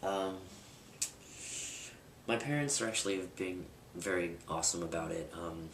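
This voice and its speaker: Deep and unhurried, this young vlogger speaks candidly to his camera, wandering a little and restarting his sentences amid fillers. The distant camera mic gives a roomy sound buried under heavy background noise.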